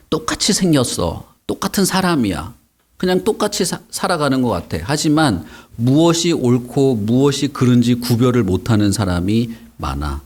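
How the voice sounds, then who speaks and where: A man teaching a Sunday school sermon to children, asking them questions as he goes. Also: mid-range voice. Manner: animated, asks the kids questions.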